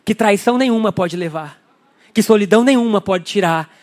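A man voicing a gentle, loving Jesus, speaking softly and slowly in Brazilian Portuguese. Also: high-pitched, pitched below the performer's own voice, close to an everyday voice. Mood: tender.

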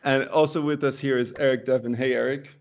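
A man hosting a casual football podcast, playful and quick to laugh. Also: mid-range voice, steady tone. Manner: playful, laughs often, drawn-out exclamations. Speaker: podcast host.

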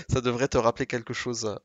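A man's voice: medium pitch, no echo. Chatty French man in a dry, close recording. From France. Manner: chatty, rambling with many fillers. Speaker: podcast co-host. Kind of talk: casual podcast chat.

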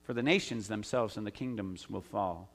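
A man's voice: on the low side, normal speed. A middle-aged man from the United States, a pastor giving a sermon in a conversational way, with asides and frequent "uh" fillers.

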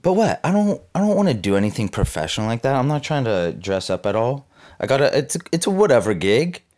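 A man's voice: mid-range voice, very animated, brisk, darkish tone. A man in his twenties from Southern California, rambling casually to the camera in a laid-back, slangy, cynical way, full of fillers. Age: 20s. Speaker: vlogger.

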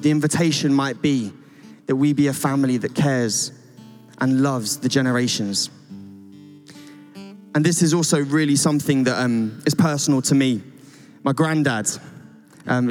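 A young man, a youth pastor, giving an earnest, rambling church talk with many restarts. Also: medium pitch. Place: church stage. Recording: church hall reverb with soft guitar.

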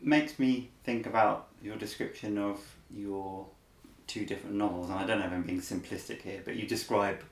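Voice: low voice, steady tone, moderate pace, few pauses, roomy sound. A host in casual conversation, thoughtful and stopping to search for words.

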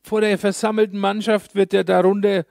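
A male pastor preaching a sermon, telling a story in a lively way with slow, emphatic pauses. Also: sits high, vocal fry, dry recording, clean studio sound.

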